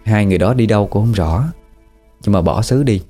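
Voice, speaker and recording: A man with a Southern Vietnamese accent narrating a ghost story in a relaxed, folksy way with fillers. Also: fairly low pitch, fairly quick, faint music behind.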